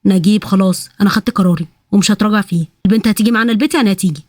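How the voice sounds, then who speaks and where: A thief with a soft heart argues his case firmly in Egyptian Arabic, as a woman puts him on. He speaks quickly and with determination. The recording is dry and close. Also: medium pitch, dry recording, natural voice. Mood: determined. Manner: insistent, gentle. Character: soft-hearted male thief, stubborn and kind.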